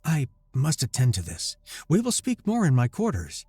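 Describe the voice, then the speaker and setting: A man voicing a formal, guarded alien empress who speaks in measured, stately cadences. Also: medium pitch, wildly swooping pitch, warm tone, breathy edge, no room sound, soft background music, voice pushed up, exaggerated voice.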